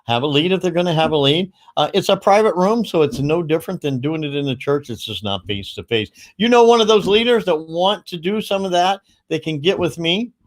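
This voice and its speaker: A man hosting a casual livestream, talking in a rambling, upbeat way with quick asides. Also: a little high, expressive. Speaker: livestream host.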